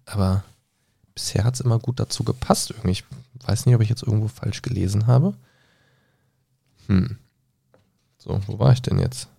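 A man reading a solo gamebook aloud on his podcast, pausing to mutter hesitant asides while leafing through pages. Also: lowish voice, steady tone, vocal fry, mellow, slightly rough. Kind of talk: reading aloud and thinking out loud.

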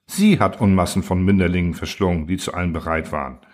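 A man's voice: low-pitched, steady tone, quick pace, darkish tone, lightly acted. A man reading the part of a council of old male elders, speaking in a raised, outraged, accusing way. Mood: smug.

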